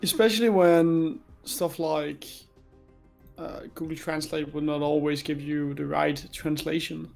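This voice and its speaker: A man co-casting a live esports stream, musing aloud in relaxed chat. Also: fairly high pitch, a little slow, gravelly, soft background music. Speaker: esports co-caster.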